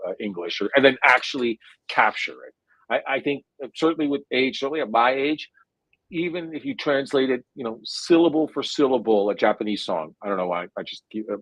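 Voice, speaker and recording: Thinking out loud in an interview, this guest neuroscientist in his forties, from India and speaking with a New Jersey accent, leans heavily on stretched-out "uh" fillers as he reflects. His voice is on the low side, with no echo and a rough recording.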